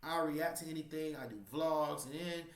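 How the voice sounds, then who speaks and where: A man's voice: fairly high pitch, steady tone, normal speed. A man hosting a casual reaction vlog, rambling and stumbling over his words with lots of fillers, recorded in a room with noticeable echo. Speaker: reaction channel host. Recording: roomy echo.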